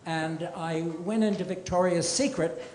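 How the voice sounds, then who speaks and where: A man's voice: sits high, fairly even intonation, a little slow, very noisy. An older man doing a stand-up comedy set on a club stage, delivering dry one-liners with self-deprecating asides. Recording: roomy club with loud audience laughter.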